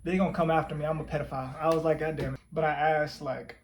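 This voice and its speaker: Quick and level in tone, a slightly high-voiced man in his twenties talks openly with his girlfriend and swears without restraint. He co-hosts a couples channel, and a little hiss or hum sits under the recording.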